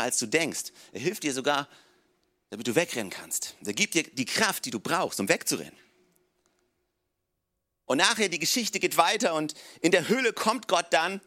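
High, bright-voiced male pastor preaching. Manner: casual, animated storytelling sprinkled with English "come on". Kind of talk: sermon.

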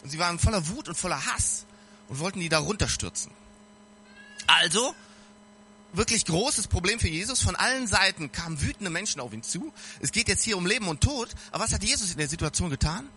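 A man's voice: sits high, animated, a little fast, pushed and bright. A man giving an informal sermon, talking straight to his listeners in a casual, earnest way. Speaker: preacher.

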